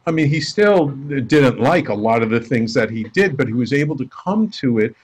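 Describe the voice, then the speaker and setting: A man talking as a guest in a relaxed interview, with a voice of middling pitch. He tells his stories with energy and slips into the voices of the people in them. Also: normal speed, breathy edge. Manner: animated storyteller acting out quoted dialogue. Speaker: life coach and radio host, guest. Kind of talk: casual storytelling interview.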